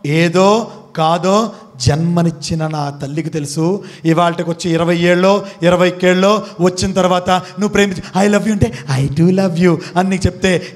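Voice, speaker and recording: A man giving a motivational speech to students in a college hall. He calls out questions to the crowd and swings from loud to hushed. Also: high voice. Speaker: motivational speaker. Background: student audience.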